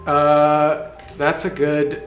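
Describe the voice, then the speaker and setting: A man working as game master, narrating a tabletop game casually and haltingly as he thinks aloud. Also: a little high, completely flat delivery. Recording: echoey room, faint music behind.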